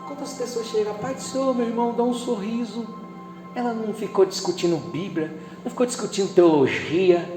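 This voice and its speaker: A man preaching as pastor, emotional, swinging from loud declarations to hushed, intimate passages. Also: sits high, brisk. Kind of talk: sermon. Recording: echoey church hall with music behind.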